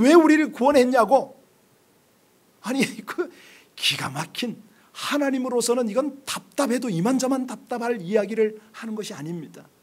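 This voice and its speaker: A male pastor delivering a sermon in a church, pressing the congregation with repeated rhetorical questions and moving between quiet, low asides and loud emphasis. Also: slightly rough. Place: church sanctuary.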